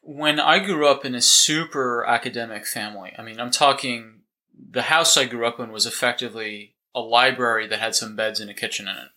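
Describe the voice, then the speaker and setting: A man's voice: medium pitch, fairly even intonation, a little fast, bright, forceful tone, rough recording. A man from the United States, a chiropractor, chatting as a podcast guest, talkative and wry, often restarting sentences. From United States, near Boston. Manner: talkative, self-correcting, wry. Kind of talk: casual podcast chat.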